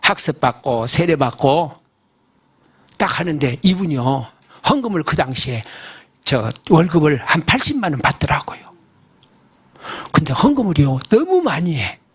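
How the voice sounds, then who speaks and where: Husky high-voiced older pastor preaching. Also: male voice, very animated, normal speed, long pauses. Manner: folksy, emphatic, asks the congregation questions. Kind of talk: sermon storytelling. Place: church service.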